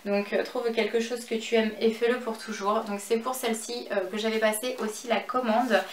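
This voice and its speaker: French youtuber lady doing a haul, kinda high voice, lots of euh, roomy echo. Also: flat delivery. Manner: chatty, many fillers, slow over items. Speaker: beauty and fashion YouTuber. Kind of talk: casual haul vlog. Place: home office and makeup room. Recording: echoey room, faint background noise.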